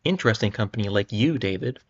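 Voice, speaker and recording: Man putting on a young british woman, teasing, breathy and coy, pulp-novel heroine, dull lo-fi sound. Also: lowish voice, expressive, quick pace. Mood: coy, inviting. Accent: British (put on). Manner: soft, teasing, then shrieking.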